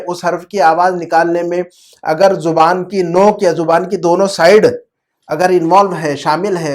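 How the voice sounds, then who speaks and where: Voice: mid-range voice, a little mellow. Patient teacher on a video call class. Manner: patient, repeats words and checks understanding often; mixes English terms into explanations. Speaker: Arabic teacher. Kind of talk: online class explained in Urdu.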